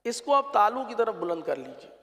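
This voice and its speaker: A man teaching the pronunciation of letters for Quran recitation, slow and patient, drawing out each sound to demonstrate it. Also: sits high, sing-song, fairly bright tone, big-room sound.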